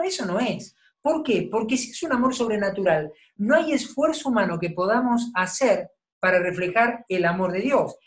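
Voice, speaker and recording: A woman giving a teaching sermon, explaining calmly and checking in with her listeners. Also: fairly high pitch. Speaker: Bible teacher.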